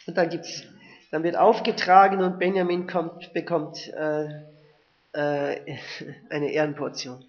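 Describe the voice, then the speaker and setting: A man's voice: a little high, flat delivery, slow pace, long pauses. A man reading a Bible passage aloud and commenting on it between verses, sometimes restarting his sentences. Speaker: preacher. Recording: dull lo-fi recording.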